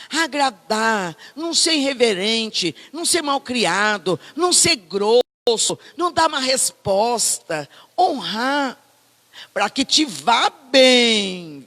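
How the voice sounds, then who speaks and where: A woman pastor with a Brazilian Portuguese accent, preaching a sermon in a lively, conversational way with many asides. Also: fairly high pitch, in a large hall. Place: church hall.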